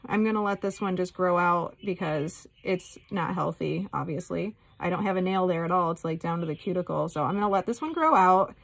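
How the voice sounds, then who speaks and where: A woman's voice: fairly low pitch, brisk, creaky, hardly any pauses. A woman vlogger talking casually and candidly, in a rambling, informal way. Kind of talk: casual chatty vlog.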